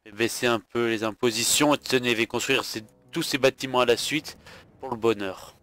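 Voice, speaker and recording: A man's voice: mid-range voice, fairly even intonation, moderate pace, a bit bright. Tired man narrating his strategy game. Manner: thinks aloud with hesitations and fillers. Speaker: gaming video host. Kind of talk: let's play commentary.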